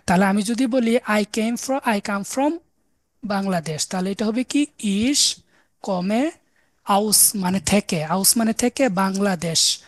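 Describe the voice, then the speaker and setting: A woman's voice: medium pitch, slow, no echo, studio quality. A woman giving a recorded online language lecture, explaining patiently and spelling words out letter by letter. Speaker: language teacher.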